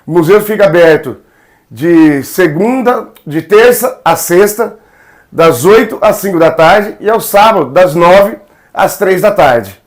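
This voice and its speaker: A man's voice: high voice, lively intonation, a little slow. A man from Brazil, a museum coordinator, welcoming visitors in a friendly, inviting way. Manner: friendly, inviting, laughing easily.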